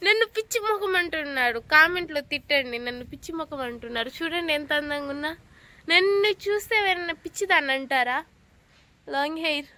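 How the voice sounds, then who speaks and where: A woman's voice: high-pitched, animated, quick pace, pushed and bright. A woman vlogger chatting casually at home in a playful, teasing, coaxing way. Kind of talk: casual home vlog chat.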